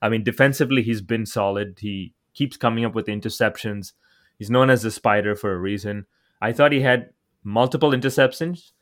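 A man's voice: lowish voice, a little fast. A man in casual sports chat, arguing his opinions firmly and repeating points for emphasis. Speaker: football podcast panelist.

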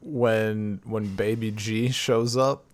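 A man's voice: lowish voice, steady tone, takes it slowly. A man co-hosting a casual chat about films, laid-back and grumbling, sometimes dropping to a mutter. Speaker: podcast co-host.

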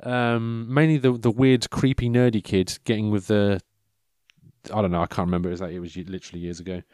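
With a lowish, slightly mellow voice and fairly even intonation, a man in his thirties talks fast through a rambling, casual monologue. He interrupts himself, loses his train of thought, and jokes drily at his own expense, recorded with no room sound.

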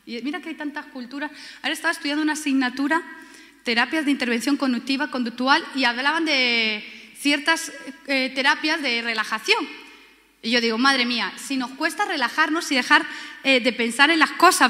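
A woman preaches with fervent passion, stacking repeated words for emphasis and slipping into the voices of the people in her stories. Her voice sits high and sounds bright. It carries a long reverb, as if it were filling a big hall. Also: a little fast. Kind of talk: sermon.

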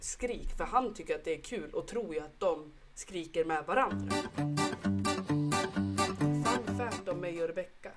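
Lowish-voiced mom chatting on a podcast, tells stories and swears a bit. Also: female voice, long pauses, music in the background. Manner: lively storyteller who swears. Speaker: podcast co-host; mother of a young son. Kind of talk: casual chat.

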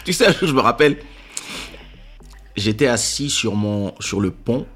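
A man in casual chat, telling a story with animated delivery and acting out quotes in a high voice. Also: moderate pace. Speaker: podcast host.

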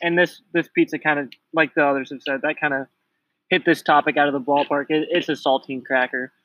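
Male co-host, slightly high, bright voice, joking and chatty, dry close sound. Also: fairly even intonation, fairly quick, dry recording, lo-fi sound. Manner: joking, self-deprecating, leads the questions. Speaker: podcast co-host. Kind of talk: casual chat. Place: home, at night.

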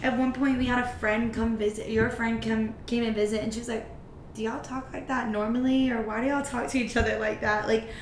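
A young woman in her twenties co-hosting a podcast, chatting in an animated way from a couch. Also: a little high, fairly quick, echoey room, slight background noise. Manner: animated, gasping and laughing. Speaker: podcast co-host. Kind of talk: casual chat. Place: apartment couch.

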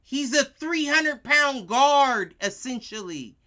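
Emphatic, high-pitched American woman arguing sports. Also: expressive, slow, pushed and bright. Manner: emphatic, profane, slangy, interrupting. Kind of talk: heated casual sports debate.

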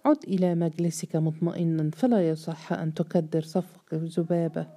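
A woman voicing an older male strongman who speaks in measured, patronizing tones with veiled threats. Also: low-pitched, steady tone, dark tone. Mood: menacing.

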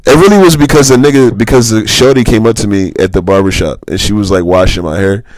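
A man co-hosting a podcast, telling stories in a relaxed, rambling way with lots of fillers. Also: on the low side, fast, no room sound. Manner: laid-back, rambling storytelling with lots of fillers. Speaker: podcast co-host. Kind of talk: casual chat.

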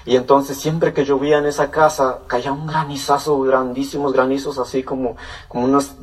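A man's voice: mid-range voice, little pitch movement, a little fast, husky, recorded from a distance. A man from Puebla with a Mexican accent, telling his life story in a rambling, casual way full of fillers and restarts. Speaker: guest telling his testimony.

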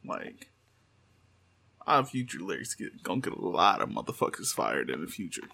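A man's voice: sits low, sing-song, moderate pace, vocal fry, bright, forceful tone. A man co-hosting a podcast in loose, profane casual chat, often reading quotes aloud. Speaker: podcast co-host.

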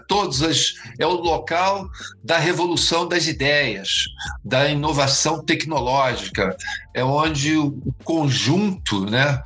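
A man, a guest expert giving reflective interview answers, halting and restarting often. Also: a little high, sharp tone, poor audio. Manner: halting, many restarts and repeated words.

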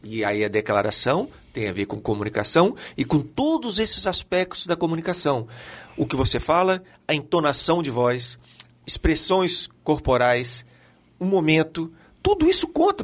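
Animated husky Brazilian man teaching. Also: fairly high pitch. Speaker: teacher and co-host.

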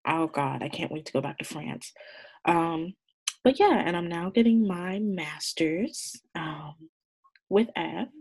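Woman in her twenties, Southern accent, husky, fairly low voice, expressive co-host. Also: slow pace. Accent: Southern American. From the American South. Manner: expressive, exclaims, mock-exasperated. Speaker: podcast co-host. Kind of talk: casual chat.

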